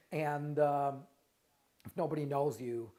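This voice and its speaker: Slow-paced and darkish in tone, a middle-aged, Russian-accented man hosts a casual live Q&A stream, his pitch a bit high for a man. He works as a trademark lawyer and company founder, and he often restarts, repeats words and checks in with "right?"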